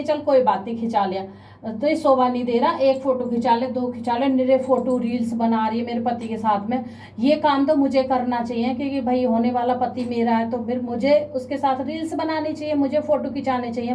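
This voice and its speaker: A woman's voice: sits high, brisk, mellow, lightly acted. A woman voicing an upset young bride-to-be who complains about her mother, in an aggrieved, pleading way. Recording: a bit distant, faint background noise.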